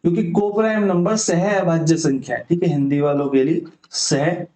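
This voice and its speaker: A man's voice: fairly high pitch, fairly even intonation, normal speed, warm tone, echoey room. A young man teaching an exam-prep maths lesson step by step, mixing English terms into his talk and often checking in with his students. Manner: explains step by step, mixes English terms into Hindi.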